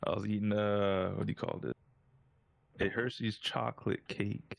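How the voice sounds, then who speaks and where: Gravelly laid-back young man. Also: on the low side, little pitch movement, normal speed. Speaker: podcast co-host. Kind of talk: casual gaming podcast chat.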